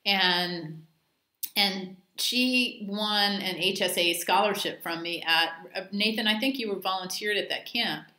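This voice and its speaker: A woman dive instructor talks through a training session in a chatty, anecdotal way, with plenty of ums and asides. Her voice is bright and forward. The room around her is echoey. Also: mid-range voice, measured pace. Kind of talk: casual training talk.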